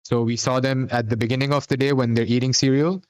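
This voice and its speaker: A man's voice: mid-range voice, flat delivery, fast talker, smooth. Rambling male podcast co-host. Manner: rambling, many fillers and restarts. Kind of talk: casual recap chat.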